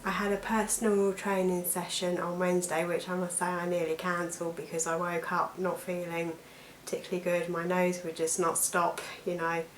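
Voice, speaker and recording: A British woman with a croaky, allergy-affected voice, chatting casually to camera as a weight loss vlogger. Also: on the low side, flat delivery, moderate pace, hardly any pauses. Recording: echoey room with background noise.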